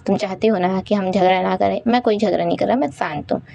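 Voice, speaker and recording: A woman voicing a calm, quiet young man with glasses who speaks softly and pleads for peace. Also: mid-range voice, quick pace, gravelly. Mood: pleading. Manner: soft, pleading and restrained.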